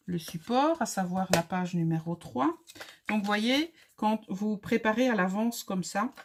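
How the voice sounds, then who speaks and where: Slow, chatty woman teaching a craft. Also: mid-range voice, slight background noise. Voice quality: speaks with a light accent. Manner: chatty, friendly, talks viewers through each step. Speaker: craft tutorial host. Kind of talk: casual crafting tutorial.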